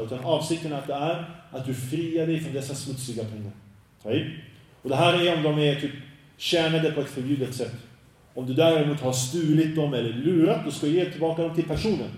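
A man giving a slow, deliberate religious lesson in Swedish, dropping Arabic phrases in as he teaches. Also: a little high, darkish tone. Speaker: preacher. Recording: very echoey room, voice from a distance.

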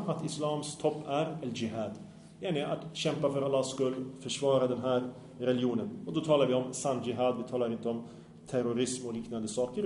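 A man's voice: medium pitch, mellow, a little hiss or hum. Earnest preacher man in an echoey room. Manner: earnest, asks the audience often. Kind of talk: Islamic sermon to youth.

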